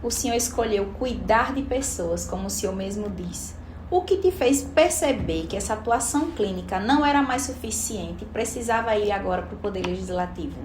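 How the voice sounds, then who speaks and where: A woman's voice: medium pitch, moderate pace, echoey room, background noise. A woman hosting a podcast, asking formal, polite interview questions. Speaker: podcast host.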